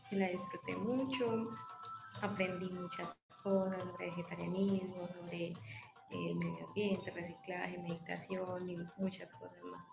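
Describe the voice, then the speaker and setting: A woman's voice: fairly low pitch, level tone, unhurried, gravelly, reverberant, over music. A 21-year-old woman giving a grateful video testimonial.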